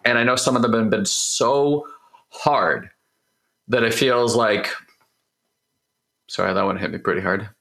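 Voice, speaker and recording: Still hoarse from losing his voice, a man hosts a personal growth talk in a lowish, sharp tone. His candid monologue is open and emotional, rambling along with restarts.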